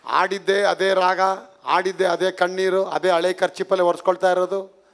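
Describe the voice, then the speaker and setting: High, gravelly Kannada-accented preacher man. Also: flat delivery, moderate pace, slight background noise. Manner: mixes Kannada with English phrases, acts out dialogues; rises to fervent loud preaching. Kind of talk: charismatic sermon.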